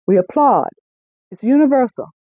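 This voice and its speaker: This is a preacher delivering a sermon, slowing deliberately on repeated key phrases. The sound is narrow and tinny, like a phone line, with no room echo at all. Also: sits high, animated. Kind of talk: sermon-style teaching.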